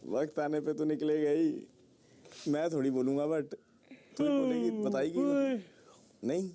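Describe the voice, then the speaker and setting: A man's voice: fairly high pitch, measured pace, mellow. A man who teases playfully, then lectures firmly during an argument. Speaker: reality show contestant. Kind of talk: argument and flirting banter.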